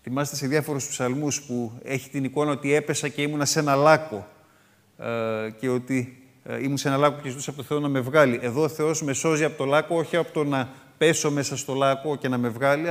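A man's voice: mid-range voice, fairly even intonation, in a large hall. A man giving a sermon-style Bible study on a psalm, reading verses aloud and explaining them word by word with frequent filler sounds. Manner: reads scripture aloud between comments. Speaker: Bible teacher.

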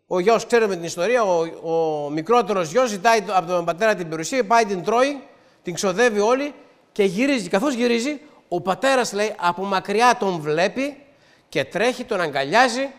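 High-voiced male preacher in a reverberant hall. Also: expressive. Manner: earnest, explains scripture step by step. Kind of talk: sermon with opening prayer.

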